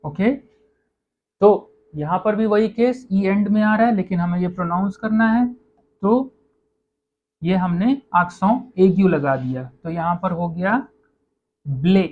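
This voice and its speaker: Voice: mid-range voice, a little slow, slight background noise. Teacher for a recorded language lesson: patient, explanatory, mid-range voice, slightly muffled recording. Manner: patient, repeats "okay" and corrects own slips. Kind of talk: online lesson explaining pronunciation.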